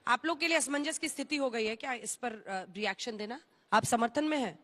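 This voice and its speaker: A woman anchoring a televised debate, briskly cutting in to move things on. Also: a little high, fairly bright tone.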